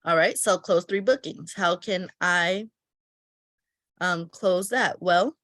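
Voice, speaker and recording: In a studio-quality, dry recording, a woman with a fairly low pitch talks slowly through how she plans her week. As the owner of a travel agency, she thinks aloud while filling in her planner, relaxed and chatty, her voice a bit stuffy from a cold.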